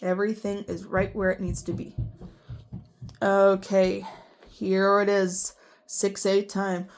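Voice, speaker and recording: Speaking slowly at a medium pitch, this congested-sounding woman teaches rhythm reading by counting beats aloud in precise, uniform syllables. She keeps things chatty and self-deprecating in the gaps between counts.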